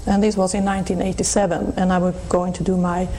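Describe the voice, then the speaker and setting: A middle-aged woman from Sweden with a Swedish accent, speaking English as a guest in an interview, reflective and thoughtful, with frequent restarts and soft laughs. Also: fairly low pitch, little pitch movement, fast, slight background noise, rough recording. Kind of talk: reflective personal testimony.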